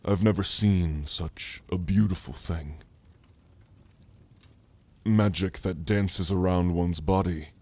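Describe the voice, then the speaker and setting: In an ASMR roleplay, a man plays a gentle, scholarly orc mage, speaking softly, earnestly and haltingly, intimately to the listener. His low voice carries a tender, admiring mood.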